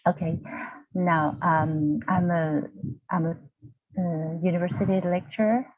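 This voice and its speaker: A Vietnamese university lecturer in her 40s tells her personal story as a guest, hesitating and restarting often while searching for words. Her voice sits on the low side, with fairly even intonation and a measured pace. The video-call audio is tinny and dry, with no room sound.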